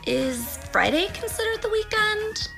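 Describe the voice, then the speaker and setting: A woman's voice: very high voice, big pitch swings, measured pace, gravelly, pushed and bright, faint music behind, heavily acted. A woman playing a bewildered young partygoer in a cartoon.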